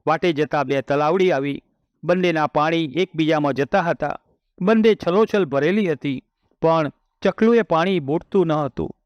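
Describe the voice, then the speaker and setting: A man tells a devotional folk tale at a steady, measured pace, his voice sitting somewhat high. The sound is close and dry, with a dull, muffled lo-fi tone. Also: dry recording. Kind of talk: scripted devotional story narration.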